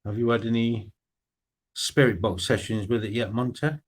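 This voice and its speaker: A man hosts a relaxed evening live stream and chats with viewers. He greets each one by name in a friendly, easygoing way, at a middle pitch. His talk is loose and unhurried. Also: breathy edge. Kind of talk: casual chat with live chat viewers.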